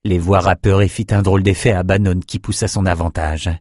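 A man reading a novel aloud as the audiobook narrator, in a measured storytelling manner. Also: deep voice, fairly even intonation, darkish tone, dry recording, studio quality.

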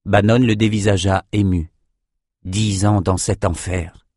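A man narrating an audiobook in a steady, measured voice. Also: lowish voice, dry recording, clean studio sound.

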